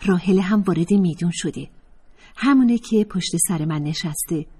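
A woman's voice: fairly low pitch, dark tone, husky. A woman narrator voicing a friendly young woman student who talks in a confiding, gossipy way.

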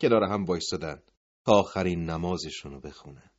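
Husky male storyteller. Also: low voice, lo-fi sound. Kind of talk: dramatic story narration.

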